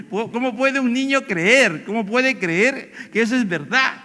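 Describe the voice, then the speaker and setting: A man's voice: very high-pitched, takes it slowly, sharp tone. An older man with a Peruvian Spanish accent preaching a sermon, asking the congregation questions and acting out quoted lines. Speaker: pastor. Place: church hall. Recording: echoey church hall.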